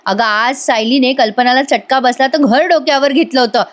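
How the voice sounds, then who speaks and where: A woman's voice: high voice, normal speed. A woman giving a chatty voice-over review of a TV serial episode, retelling scenes and talking straight to her listeners. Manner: chatty, addresses listeners directly.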